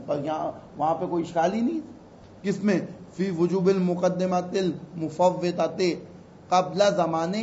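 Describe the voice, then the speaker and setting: A man teaching a class, reading Arabic phrases slowly and explaining them in a chatty, teasing way. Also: fairly high pitch, dark tone, slight background noise. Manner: chatty, teasing asides to students. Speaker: teacher of religious law. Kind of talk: lecture explaining an Arabic text. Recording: echoey, dull room recording.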